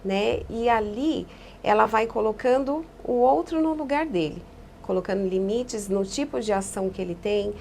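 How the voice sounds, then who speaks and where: A woman psychologist giving calm, explanatory answers in a podcast interview, often echoing key phrases. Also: mid-range voice, normal speed, gravelly, a little hiss or hum.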